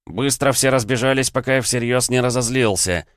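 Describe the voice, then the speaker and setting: A man's voice: mid-range voice, a little fast, clean tone, no echo, studio quality, pitched above the performer's own voice, lightly acted. A man voicing a hot-tempered young male cadet who snaps and hisses his words. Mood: angry. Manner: snapping, hissing.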